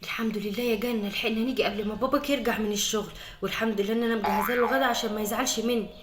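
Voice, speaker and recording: A woman voicing a caring, busy Egyptian mother who talks briskly and soothingly in a family skit. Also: a little high, fairly even intonation, echoey room, lightly acted. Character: caring busy mother hurrying her daughter.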